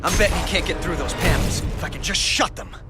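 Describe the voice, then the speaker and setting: A man's voice: fairly high pitch, fast talker, lightly acted. A man playing a young, wisecracking American superhero in a video game, sarcastic and harried but brave. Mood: wry. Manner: sarcastic, quipping. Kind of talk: animated video game voice acting. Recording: loud music behind the voice.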